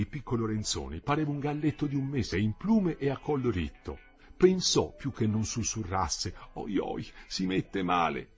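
A man narrating a novel aloud with a husky, slightly breathy voice. His intonation moves a lot, rising and falling through the long sentences in a measured, literary delivery. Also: mid-range voice. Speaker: audiobook reader.

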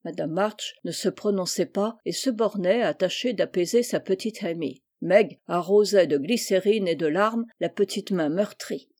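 A woman reading a classic novel aloud as an audiobook, with even storytelling delivery. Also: fairly low pitch, moderate pace, hardly any pauses. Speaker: audiobook reader.

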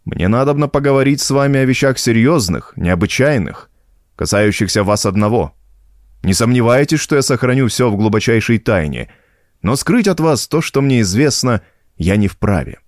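A man doing a calm old preaching priest. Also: medium pitch, normal speed, dry recording, studio quality, lightly acted. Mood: solemn. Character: old village priest, gentle but firm.

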